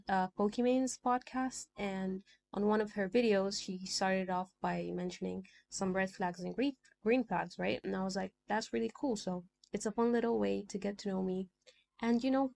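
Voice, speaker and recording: This solo podcaster, a young woman from Sudan whose first language is Arabic, talks in a gravelly, darkish voice at medium pitch, fairly even and at normal speed. Her accent is part American, part British, and she rambles chattily across topics. Her small desk mic carries a faint hiss or hum.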